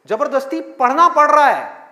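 High-voiced man in echoey hall. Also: very animated, moderate pace. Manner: swings between hushed and forceful, rhetorical questions. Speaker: motivational speaker. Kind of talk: live motivational talk. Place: large hall with audience. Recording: echoey hall, audience faint.

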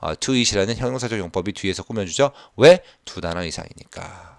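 A man teaching an English class, explaining a textbook dialogue in a chatty way and reading the English example lines slowly with emphasis. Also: low voice, gravelly, no room sound, clean studio sound. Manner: frequent fillers like 자 and 오케이. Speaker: English teacher at a cram school.

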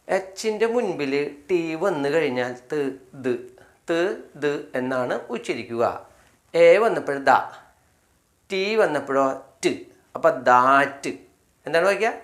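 A man with a Malayali accent teaching English spelling, slowly spelling each word letter by letter and repeating its meaning. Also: fairly high pitch, a bit bright. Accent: Malayali, from Kerala. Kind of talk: spelling and pronunciation lesson.

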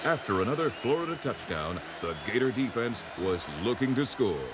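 A man reading scripted narration for a sports season highlight film. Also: very animated, normal speed. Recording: loud music under the narration. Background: loud music.

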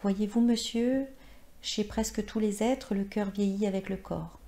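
A woman's voice: medium pitch, steady tone, measured pace, mellow, natural voice. A woman voicing a dreamy, passionate former actress of sixty-nine in a read-aloud short story. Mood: wistful.

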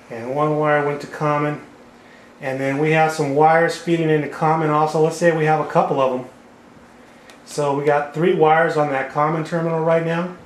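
A man explaining HVAC wiring step by step while he draws on a whiteboard, recorded by a camera over the board. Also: a little high. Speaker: HVAC repair instructor. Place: indoor room at a whiteboard table. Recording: echoey room sound.

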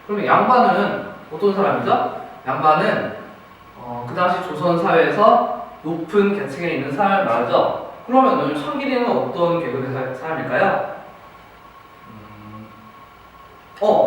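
A man teaches a class, asking students questions and praising their answers. His voice is fairly high and a bit bright, picked up by a distant mic in a very echoey room with faint noise.

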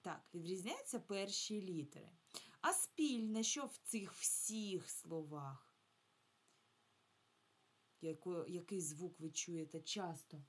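Woman primary teacher, low husky voice, slow and careful, drawing out each sound for small children. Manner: patient, drawn-out enunciation of sounds and syllables. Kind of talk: remote reading lesson for young children.

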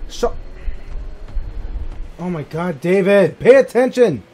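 A man giving live commentary while playing a game, swearing freely and shouting short reactions at his teammates. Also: high-pitched, expressive, slow pace, slight background noise. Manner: profane, exasperated outbursts at teammates. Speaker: gamer.

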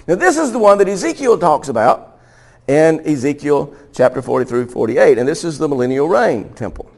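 A man's voice: on the high side, big pitch swings, moderate pace, creaky, darkish tone. A man preaching a Bible teaching sermon in a conversational way. He laughs now and then and often stumbles and restarts his sentences. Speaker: pastor.

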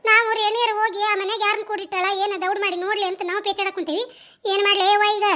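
A woman voicing bickering village women in a cartoon, talking in quick bantering dialect with a North Karnataka Kannada accent. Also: very high voice, little pitch movement, bright, forceful tone. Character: bickering village women, a landlady and her helpers. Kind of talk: cartoon voice acting.

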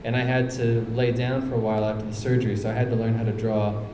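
A man's voice: mid-range voice, little pitch movement, quick pace, background noise. A man, a comedian guest on a live talk show, telling wry anecdotes and breaking into laughs. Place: theater stage with live audience. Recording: roomy theater.

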